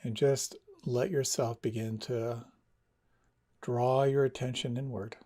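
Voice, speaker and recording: A man leading a guided meditation, giving slow, soft, soothing instructions. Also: mid-range voice, level tone.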